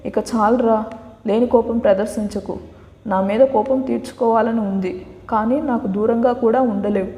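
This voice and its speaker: A woman's voice: on the high side, steady tone, moderate pace, warm tone, close to an everyday voice. A woman voicing a playful, loving young husband who teases his wife, in an echoey room with a long reverb. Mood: teasing. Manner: playful teasing. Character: teasing, loving young husband, affectionate and bossy.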